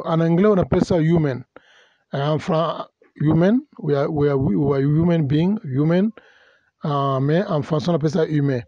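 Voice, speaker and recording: A man's voice: fairly high pitch, mellow, no echo, dull audio. A male pastor giving a teaching sermon, hesitant and full of fillers, spelling out words and mixing in English terms. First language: bilingual English and French. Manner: hesitant, many fillers and self-corrections.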